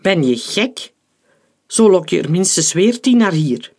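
A man reading as a curt, husky industrialist. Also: high-pitched, very animated, a little slow, a little mellow, heavily acted. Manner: terse and commanding. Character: curt, cold middle-aged male industrialist.

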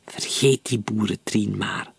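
Man doing a sly taunting soldier, hushed, gravelly, storybook. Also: sits high, lively intonation, a little slow, no echo, voice pushed up, exaggerated voice. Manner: hushed, mocking.

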